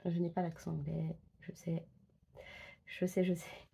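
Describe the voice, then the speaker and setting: A woman talks casually as she colors, testing pencils and thinking aloud. Her voice is husky and slightly breathy, with a gravelly fry, and her speech is full of fillers and self-corrections. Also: fairly low pitch, level tone, unhurried, mellow. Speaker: coloring book vlogger. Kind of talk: casual chat while coloring.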